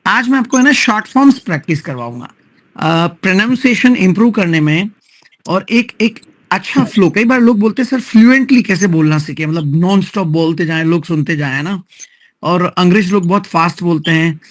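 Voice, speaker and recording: A man with an Indian accent leads a live online English-speaking class. He mixes Hindi and English and keeps checking in with his students through tag questions. His voice sits fairly high and sounds close and dry, with no room around it. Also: lively intonation, brisk, dry recording. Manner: repetitive drilling, breaks words into sounds.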